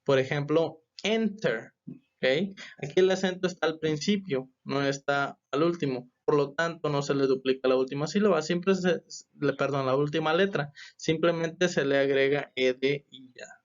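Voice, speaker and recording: A man teaching a grammar lesson, explaining step by step and often checking with a quick question. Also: fairly high pitch, muffled recording. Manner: patient, repeats "¿ok?" to check understanding. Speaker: English teacher.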